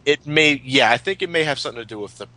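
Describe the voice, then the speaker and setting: A man co-hosting a podcast chats casually and looks back on past events, talking fast in a mid-range voice with a sharp edge. He is opinionated and emphatic and swears a lot.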